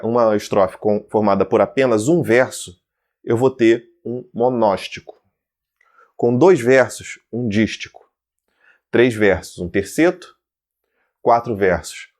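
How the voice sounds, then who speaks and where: A Brazilian man teaches in a lively way, going through each term in a steady rhythm. He keeps checking in with students as he talks. His voice sits at an ordinary middle pitch. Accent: Brazilian Portuguese. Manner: lists terms one by one in a steady rhythm. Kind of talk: explaining poetic verse forms to students.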